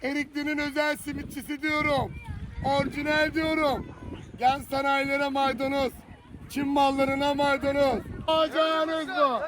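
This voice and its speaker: A man's voice: very high-pitched, poor audio. A middle-aged man from Thrace with a Thracian Turkish accent, a beach simit seller who calls out teasing, joking sales lines and talks about his work. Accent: Thracian Turkish dialect. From Thrace, Turkey. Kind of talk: street hawking and short interview. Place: outdoors on a beach. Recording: outdoor wind noise on the mic.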